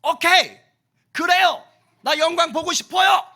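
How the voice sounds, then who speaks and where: A pastor voicing a fretful grieving woman in a storytelling sermon for children, pleading in a shrill, wailing voice. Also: huge pitch swings, a little slow, bright, forceful tone, exaggerated voice. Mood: eager.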